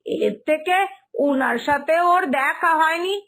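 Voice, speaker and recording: A woman voices a soft-hearted, fretful young village mother in an animated moral tale, sounding polite, anxious and regretful. Her high-pitched, exaggerated voice has an expressive, deliberate delivery.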